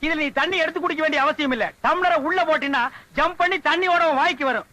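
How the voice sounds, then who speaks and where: An actor playing a boastful village potter who rattles off fast sales talk about his pots. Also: very high voice, bright, forceful tone, no room sound, rough recording. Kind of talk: film dialogue.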